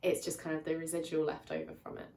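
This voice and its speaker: A woman with a low, sing-song voice talks fast and warmly, picked up by a distant mic in an echoey room with a little hiss or hum. She's a book reviewer and channel host giving a casual, spoiler-filled review to camera, sounding slightly nasal and stuffed up from a lingering cold. She chats along, recapping the plot with lots of "um" and "kind of."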